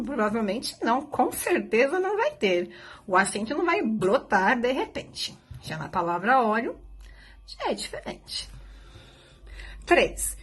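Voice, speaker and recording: A woman's voice: a little high, breathy edge. A woman teacher patiently explaining a primary school lesson, asking the children questions. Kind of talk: recorded remote lesson.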